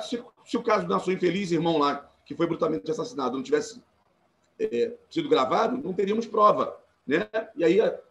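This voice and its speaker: A Brazilian man with a Carioca accent, in his forties, speaking earnestly and emphatically as a panelist on a live video call, often restarting his sentences. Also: fairly high pitch. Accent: Carioca Portuguese. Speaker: panelist, former law student and activist. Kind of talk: live-streamed panel talk.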